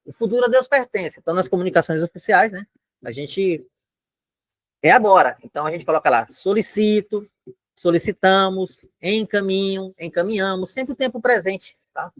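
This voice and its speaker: A man's voice: high-pitched, very animated, fairly quick, dry recording. A Brazilian man teaching an exam-prep lesson from home, chatty, with many filler tags and step-by-step explanations. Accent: Brazilian Portuguese. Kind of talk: casual online lesson. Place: home room.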